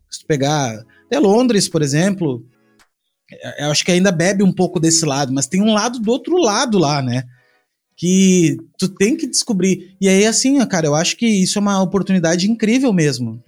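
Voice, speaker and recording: A man's voice: sits high, darkish tone. A man chatting casually, rambling with slang, restarts and fillers. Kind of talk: casual chat.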